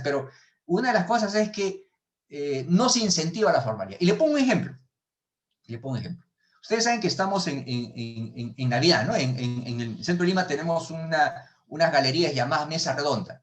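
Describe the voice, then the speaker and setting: A middle-aged man with a Peruvian Spanish accent, giving an economics lecture in a webinar, stumbling over his words and restarting often, heard over a video call. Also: a little high. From Peru. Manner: hesitant, many restarts and repeated words. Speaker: economics professor. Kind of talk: webinar lecture answering questions.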